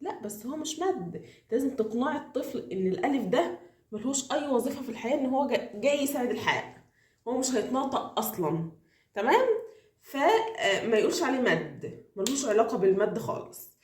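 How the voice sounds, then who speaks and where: A woman with an Egyptian accent who teaches reading, giving tips to parents and drilling with quick repeated questions. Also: on the high side, very animated, reverberant. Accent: Egyptian Arabic.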